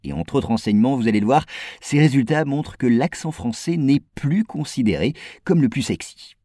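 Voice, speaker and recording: A man from France reads a scripted news piece to his viewers, explaining it clearly. His voice is mellow and darker in colour, with a very animated pitch. The sound is dry and close. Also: moderate pace, no room sound. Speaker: presenter.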